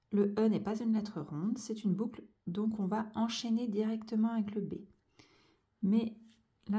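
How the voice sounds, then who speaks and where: This handwriting teacher has a warm, mid-range voice. Step by step, she patiently guides young children in linking cursive letters, reviewing each stroke and its sound.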